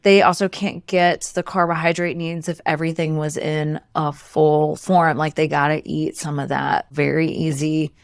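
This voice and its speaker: A woman co-hosting a podcast, calmly explaining protein and calorie math step by step. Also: low voice, normal speed, hardly any pauses, smooth, dry recording, studio quality. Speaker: podcast co-host, nutrition expert. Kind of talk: casual explanatory chat.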